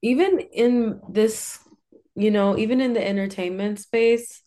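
A woman's voice: on the high side, fairly even intonation, unhurried, dark tone. A young woman guesting on a podcast, talking casually and rambling, with many filler words. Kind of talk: casual interview chat.

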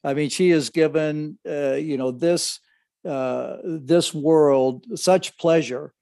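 An older man, a father co-hosting a podcast, talking in a halting way with many restarts. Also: fairly high pitch, fairly even intonation, creaky, a little mellow, no echo, clean studio sound. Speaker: podcast co-host, the other host's father. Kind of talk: casual chat.

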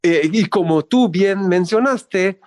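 A man's voice: high voice, slow pace, a little mellow, dry recording. A man in his fifties from Israel, a diplomat answering interview questions with many fillers and restarts. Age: 50s. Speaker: diplomat guest.

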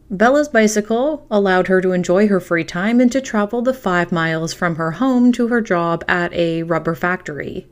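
A woman with a mid-pitched voice narrates as a podcast host. She reads from a script in a true crime style, with measured phrasing shaped for dramatic storytelling.

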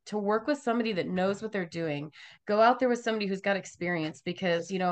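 A woman hosting a podcast interview, chatty and emphatic as she tells stories and gives warnings. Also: mid-range voice. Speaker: podcast host.

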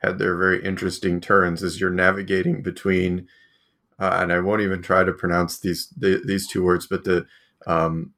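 A man interviewing an author about his book, talking haltingly with many fillers and restarts. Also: sits low, level tone, a bit bright.

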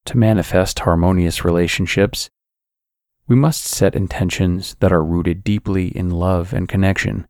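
A man narrating a scripted guided sleep meditation in a calm, soothing, measured sleep-story manner. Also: low voice, no echo, clean studio sound.

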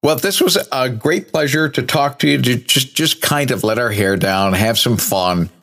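A man's voice: medium pitch, moderate pace, a bit bright. A man hosting a podcast, chatting in a light-hearted way and laughing easily. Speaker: podcast host. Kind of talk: casual chat.

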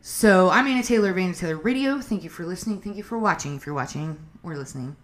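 A woman's voice: fairly low pitch, expressive, quick pace. A woman hosting a casual advice podcast, talking frankly and chattily with swearing and asides. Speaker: podcast host. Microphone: livestream on phone.

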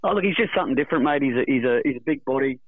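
A man's voice: mid-range voice, animated, very fast, no echo, narrow, tinny audio. An Australian man giving a casual radio interview over the phone, matey and rambling in his phrasing. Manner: rambling, matey, repeats "you know". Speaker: rugby league club guest.

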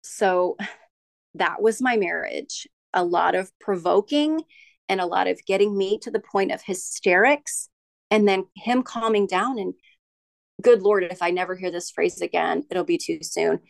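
A middle-aged woman, a podcast guest, telling her story candidly in a halting way, with many restarts and pauses. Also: on the low side, vocal fry, dry recording. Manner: halting, with frequent restarts and ums.

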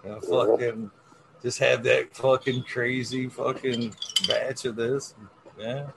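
A man rambles casually in a medium-pitched voice. His talk is coarse and slangy, full of swearing. A faint layer of noise sits behind him. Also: steady tone, takes it slowly, gravelly.

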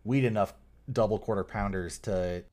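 A man's voice: lowish voice, moderate pace, darkish tone. A man co-hosting a podcast, rambling in casual chat with lots of fillers and casual swearing. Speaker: podcast co-host.

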